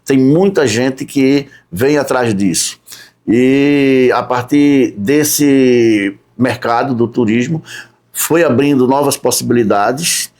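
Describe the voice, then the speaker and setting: In a relaxed interview chat, a podcast guest from Recife, Brazil, who works as a tourism guide, walks through his jobs one at a time at an unhurried pace. He often tags his sentences with a questioning "né?", speaking at a medium pitch with a slightly mellow tone.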